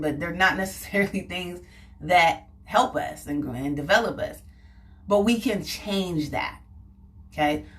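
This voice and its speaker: Woman motivational speaker, low-ish voice, chatty and animated, a bit off-mic. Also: distant mic. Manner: conversational, animated, acts out little scenes. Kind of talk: motivational talk to camera.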